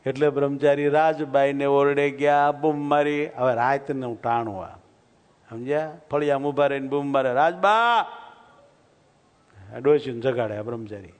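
Animated male preacher in a reverberant hall. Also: mid-range voice, normal speed. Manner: animated, acts out characters, asks listeners questions. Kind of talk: devotional sermon storytelling.

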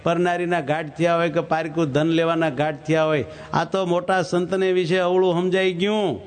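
A man's voice: on the high side, little pitch movement, normal speed, close to an everyday voice. Man doing a tearful repentant scholar, pleading, contrite, sermon story. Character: remorseful male scholar confessing in tears.

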